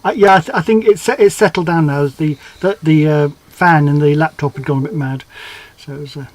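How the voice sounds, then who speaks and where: A man's voice: on the high side, fairly even intonation, a little fast, no room sound. A man on an online stream, apologetic and stammering through restarts. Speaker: guest. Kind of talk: casual online stream chat.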